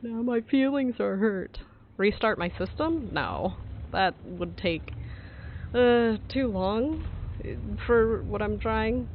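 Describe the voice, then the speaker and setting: A man's voice: high voice, animated, takes it slowly. Muffled man, like through a wall. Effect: muffled, as if talking through a wall. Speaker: co-streamer. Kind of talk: casual chat over voice call. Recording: muffled phone-like voice call with faint noise.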